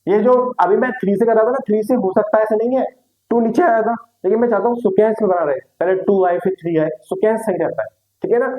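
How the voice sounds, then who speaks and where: A man's voice: high voice, quick pace, warm tone, poor audio. A young adult man teaching a maths lesson online, repeating questions and answers and calling students "beta".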